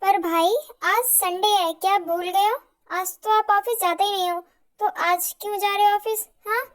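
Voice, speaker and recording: A woman voicing a lively, protective younger sister who chatters excitedly and gets indignant, in an amateur fan audio drama. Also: very high voice, normal speed. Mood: teasing.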